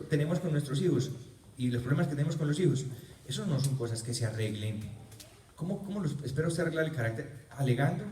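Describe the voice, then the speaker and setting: A man's voice: medium pitch, darkish tone, slight background noise. A man preaching at a healing retreat, telling personal stories with humor and repeating key words for emphasis. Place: parish church. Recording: roomy church, mic far off.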